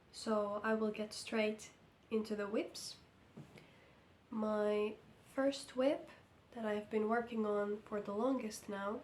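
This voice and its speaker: Talking slowly and carefully, with some hesitation, a hoarse, ill Finnish woman gives a casual knitting update in accented English. Her medium-pitched voice echoes in an indoor room under lamp light, with slight background noise.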